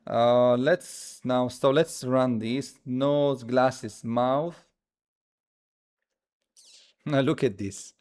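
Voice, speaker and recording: Hosting a casual live coding stream, a man with a mid-range, darkish voice thinks aloud haltingly, repeating his phrases while he demonstrates.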